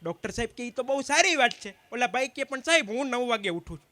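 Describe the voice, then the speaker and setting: A man telling stand-up jokes to a community gathering, swapping quickly between the sides of each dialogue. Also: extremely high pitch, expressive, sharp tone, dry recording. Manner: quick anecdotal storytelling, acting out both sides of each exchange. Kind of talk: live stand-up joke telling.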